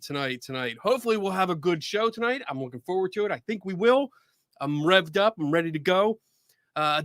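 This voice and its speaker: An excitable podcast host with a Philadelphia accent chats casually on a livestream, laughing often and cheering. His high voice swings widely in pitch and has a bright, forceful ring. The recording is dry and studio quality.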